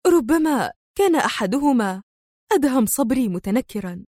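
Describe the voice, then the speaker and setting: A ruthless female gang boss speaks with cold, harsh sternness, her voice climbing high and swinging widely as a woman reader puts her on. The sound is dry and close, without room echo. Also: big pitch swings, normal speed, darkish tone.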